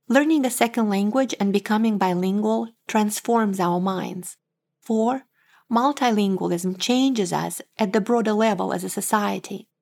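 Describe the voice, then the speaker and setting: A woman from Moldova, a native Romanian speaker with a Moldovan Romanian accent, delivers a measured, scripted talk as an author and professor. Her voice is medium-pitched and a little mellow.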